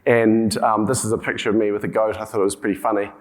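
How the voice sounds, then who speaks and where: A man's voice: fairly low pitch, little pitch movement, quick pace. A man from New Zealand with a broad Kiwi accent gives an informal conference presentation, hesitating and often repeating words as he goes. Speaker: conference speaker, company co-founder and CEO.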